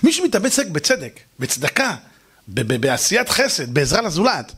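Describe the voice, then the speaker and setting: A rabbi delivering an animated sermon in a high, bright-pitched male voice. He tells stories, briefly takes on the voices of the people in them, and keeps turning to his listeners with rhetorical questions. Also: husky. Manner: animated storytelling, acting out quoted voices; preaches with rhetorical questions to the audience.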